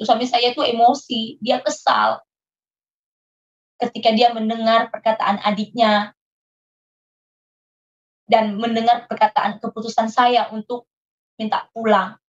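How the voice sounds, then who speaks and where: A woman being interviewed, earnestly telling a painful personal story and acting out her past conversations. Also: on the high side. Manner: earnest, re-enacting her own past dialogue. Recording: muffled lo-fi recording.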